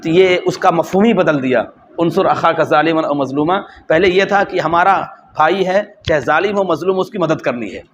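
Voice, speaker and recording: A man teaching a lesson on an Arabic text, reading phrases slowly and then repeating them in explanation. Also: a little high, lo-fi sound, a little hiss or hum.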